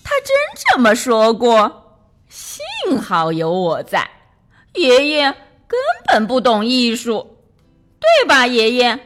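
A woman voicing a scornful, hoarse female mouse in a children's story. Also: fairly high pitch, wildly swooping pitch, takes it slowly, fairly bright tone, soft background music, exaggerated voice. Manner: scornful, mocking. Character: sneering hoarse female mouse, sharp-toothed.

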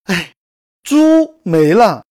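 A woman's voice: medium pitch, sing-song, very slow, darkish tone. A woman reading the lines of a wheedling middle-aged male peasant who bargains with his pigs.

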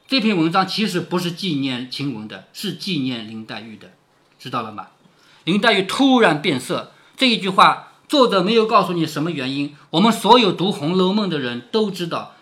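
A man's voice: sits high, bright, forceful tone. A man reading a classic novel aloud and explaining it, often asking rhetorical questions. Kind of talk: storytelling reading with commentary.

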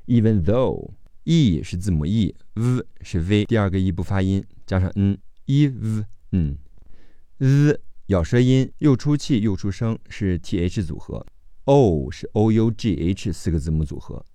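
A man's voice: on the low side, sing-song, unhurried, mellow, no room sound. A man teaching English vocabulary, spelling each word out letter by letter in a methodical lesson.

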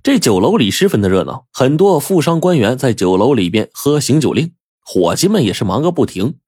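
Husky male storyteller, very animated delivery, dry close-mic sound. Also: medium pitch, brisk, dry recording. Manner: animated, dramatic telling. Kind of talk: oral storytelling.

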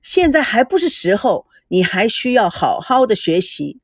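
A man's voice: high voice, sing-song, normal speed, no echo, studio quality, heavily acted. A woman voicing a teasing older brother who runs a TV program.

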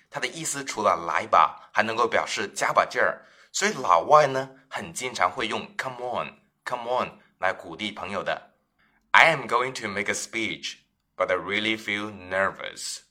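Bright-voiced man teaching English phrases. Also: sits low. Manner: lively, repeats phrases slowly for practice. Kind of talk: scripted English lesson.

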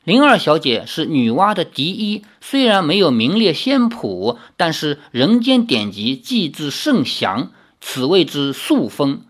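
A pompous old scholar spirit, as a reader plays him, lectures in a pedantic tone. His pitch moves up and down a great deal as he talks. It is a storybook reading. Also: sing-song, unhurried, few pauses. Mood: lecturing. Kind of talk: audiobook reading.

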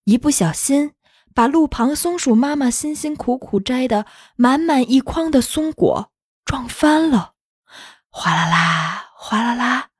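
A woman narrating a children's story in a gentle, unhurried, expressive reading. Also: high voice, no echo, studio quality.

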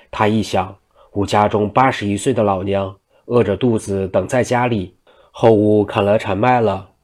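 Low-voiced male storyteller. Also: a little mellow. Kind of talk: reading a classical novel aloud.

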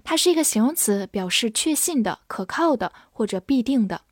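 A woman teaching English words to Chinese speakers, spelling them out letter by letter and reading example sentences slowly. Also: a little high, lively intonation, no echo, studio quality. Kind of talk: vocabulary lesson.

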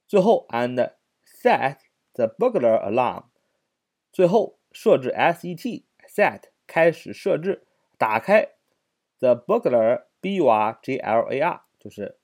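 Lively man teaching vocabulary. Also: mid-range voice, husky. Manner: repeats words and spells them letter by letter, chatty asides. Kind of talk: casual spoken vocabulary lesson.

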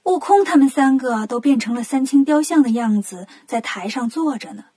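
A woman narrating a children's story in a lively, animated way. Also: high-pitched, normal speed, husky.

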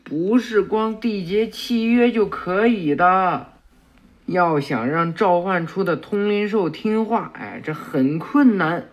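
A man's voice: sits high, slow. A man voicing a young male ninja teacher who is easily flustered but tries to sound stern. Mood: explaining.

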